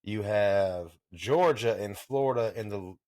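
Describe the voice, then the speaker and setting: A fairly low-voiced man in his thirties talks casually about sports and getting older. His delivery is loose and rambling, full of profanity. The mic is close and dry, with no room sound. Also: measured pace, a little mellow, dry recording. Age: 30s. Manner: rambling, profane, laid-back. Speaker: podcast host.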